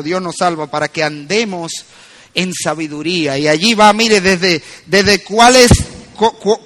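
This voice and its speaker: Man, pastor, preaching with punchy climbs and hushed asides, high-pitched delivery. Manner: animated preaching, shifting between loud emphatic peaks and low asides. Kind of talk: sermon.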